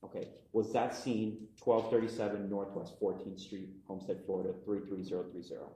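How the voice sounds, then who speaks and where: A man questioning a witness as prosecutor in a measured way, heard in a courtroom recording. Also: lowish voice, fairly even intonation, dark tone. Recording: echoey courtroom audio.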